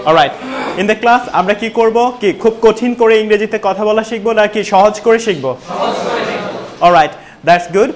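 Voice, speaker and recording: Teacher guy, high voice, keeps quizzing the class. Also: normal speed, crowd noise. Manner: asks the class questions and calls on students. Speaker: spoken English teacher. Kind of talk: classroom teaching, mixing Bengali and English. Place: classroom with students.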